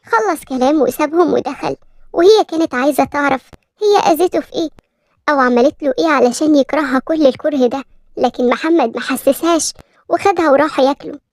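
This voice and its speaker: An Egyptian woman reads a cartoon story at a rapid clip, brisk and even. Her voice is high and the sound is close and dry. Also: no echo. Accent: Egyptian Arabic. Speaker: narrator. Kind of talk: scripted story narration.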